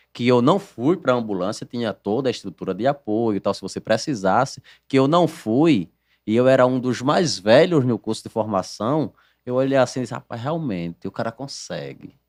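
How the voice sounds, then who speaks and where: A man with a Northeastern Brazilian accent, a podcast host who chimes in with relaxed personal stories. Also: medium pitch, moderate pace, no echo, studio quality. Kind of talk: conversational podcast interview.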